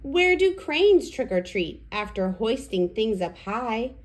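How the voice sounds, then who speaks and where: On the high side and very animated, a woman in her thirties talks slowly as she presents a toddler lesson and reads a picture book aloud. She's a children's educational presenter and storyteller, and her speech is simple and exaggerated for children.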